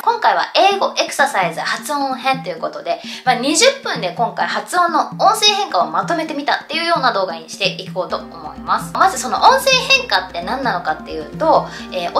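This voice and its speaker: A woman's voice: mid-range voice, fairly bright tone, echoey room. A woman teaching English pronunciation in a casual lesson at a blackboard, explaining with spoken examples.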